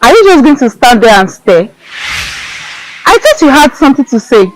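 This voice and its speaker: A woman playing a troubled young schoolgirl who speaks softly and downcast in a film drama. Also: high-pitched, big pitch swings, normal speed, low-quality recording. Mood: impatient. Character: troubled young schoolgirl facing forced marriage. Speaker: student.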